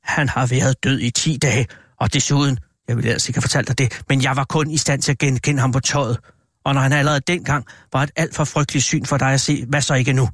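A man's voice: medium pitch, fairly even intonation, fairly bright tone, dry recording, close to an everyday voice. Frightened old man, hesitant, trembling, plain mid voice, read by a man, dry sound. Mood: fearful. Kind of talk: audiobook reading.

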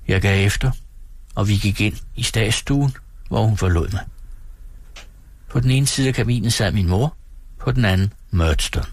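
Radio guy reading a novel out loud, calm measured pace, low husky voice, dry studio sound. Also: no room sound. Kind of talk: read-aloud literary narration.

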